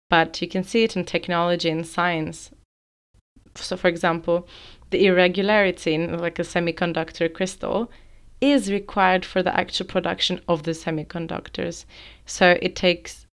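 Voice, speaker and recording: A woman talking on her own podcast in a slightly low, smooth, clear voice. She explains ideas thoughtfully and at length, and her talk is full of "like" and small restarts. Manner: thoughtful, explanatory, uses many fillers like "like". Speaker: podcast host. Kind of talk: solo podcast monologue.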